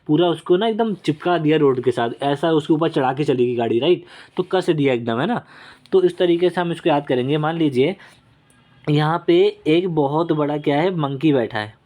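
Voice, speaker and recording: Man with a slightly high voice, casual exam vocab teacher, chatty and self-deprecating, close mic. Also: normal speed, darkish tone. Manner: chatty, repeats key words and checks in with "okay?"; self-deprecating while drawing on screen. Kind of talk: casual Hindi-English exam lesson with mnemonics.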